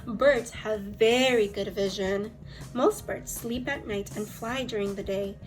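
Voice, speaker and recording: Faint music sits behind this low-quality recording of a woman teacher reading aloud with young children. Her pitch is medium and her pace a little slow, and she keeps her tone encouraging for the pupils.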